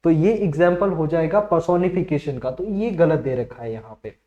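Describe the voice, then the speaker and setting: A high-voiced man with a dark, mellow tone explains exam questions as a tutor, slowing right down to read each example aloud. The sound is dull and echoey, like a room recording. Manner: explains in Hindi, reads English examples slowly. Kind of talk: exam-prep lesson.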